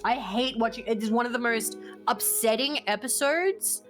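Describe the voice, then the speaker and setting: A woman's voice: fairly high pitch, moderate pace, a bit bright, soft background music. A woman in her late twenties, a streamer, chatting casually and thinking aloud with lots of fillers. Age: 20s. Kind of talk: casual chat.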